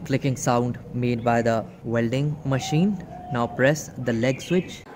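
An electronics video host gives a hands-on product demo at an outdoor table beside plants, walking viewers through each step and calling them "guys." His mid-range voice is slow, with background noise.

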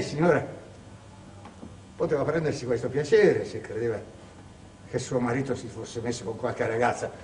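A proud, cunning clerk nursing a bitter grievance, played by a man on stage. He speaks slowly and theatrically, dropping to a hush and then rising to a shout. The sound is distant and echoey, caught from far off in a theatre with faint ambience behind. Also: mid-range voice, slight background noise, close to an everyday voice. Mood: grim. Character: proud wronged middle-aged male clerk Ciampa, bitter and cunning. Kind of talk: stage acting. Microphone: distant room mic.

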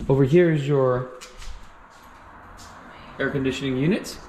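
Touring empty condo rooms and an outdoor walkway, a male real estate agent talks casually through the walkthrough in a medium-pitched, slightly slow, slightly mellow voice. The handheld action camera picks up echo from the bare rooms plus some background noise.

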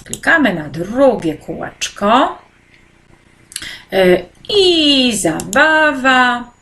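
A woman teacher slowly guiding children through an online e-textbook lesson, speaking to them directly and often pausing on hesitant fillers. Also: fairly high pitch, big pitch swings, a bit bright. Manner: slow and patient, with frequent hesitant "e" fillers. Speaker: primary school teacher.

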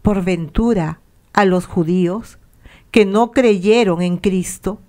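Unhurried woman reading a liturgy. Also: medium pitch, darkish tone. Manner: measured, sometimes half-chanted. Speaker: liturgical reader. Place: radio studio.

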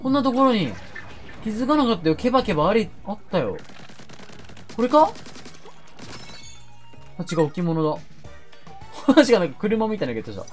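A woman gaming YouTuber giving excitable game commentary, shouting reactions and talking to viewers. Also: mid-range voice.

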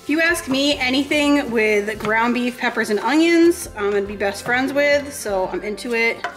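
A woman's voice: on the high side, animated, normal speed, a bit bright. A woman in her thirties from New Hampshire, chatting casually to viewers as she cooks at home. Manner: chatty, upbeat, talks to viewers while cooking. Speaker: cooking channel host. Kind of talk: casual cooking vlog narration. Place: home kitchen. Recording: roomy kitchen with background music.

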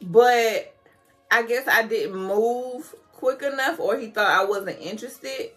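A slightly tipsy woman in her thirties chatting casually to camera at home, loose and candid, with expressive, colloquial dramatic emphasis. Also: a little high, slow pace, soft background music. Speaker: vlogger answering questions. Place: small decorated room at home, indoors.

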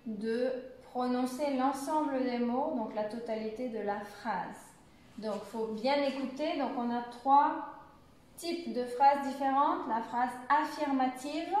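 A woman from France teaching a beginner French class, explaining slowly and clearly and repeating example sentences. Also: high voice, darkish tone, very echoey. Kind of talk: language lesson.

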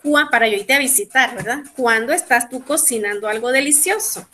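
A woman's voice: a little high, fairly quick, sharp tone. A middle-aged woman teaching a conversation class, mixing Spanish and English and coaxing her students along with questions and prompts.

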